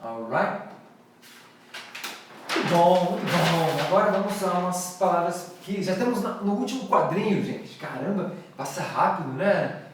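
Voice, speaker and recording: A man's voice: high-pitched, expressive, a little slow, far from the mic, noisy background. A Brazilian man teaching English pronunciation live, playfully repeating words for his students to echo. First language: Portuguese.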